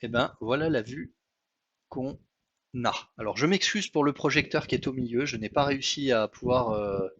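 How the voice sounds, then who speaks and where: A man's voice: mid-range voice, normal speed, fairly bright tone, slightly rough, dry recording. A chatty French man talks through his travel photos with plenty of hesitations and apologies. The recording sounds dry and dead, and the sound is a little dull and lo-fi. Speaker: travel vlogger. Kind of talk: casual travel commentary over photos.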